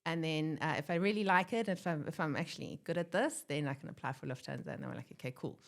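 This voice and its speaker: Speaking fast in a low-pitched voice, a female airline pilot recounts her life as a casual interview guest. Originally from Germany, she grew up in South Africa. Her manner is chatty, full of laughter, with quotes acted out.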